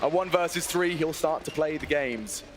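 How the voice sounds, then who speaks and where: A man casting esports live, giving excitable, dramatic play-by-play with theatrical, flowery phrasing that builds to shouts. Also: on the high side, moderate pace, noisy background. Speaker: esports caster.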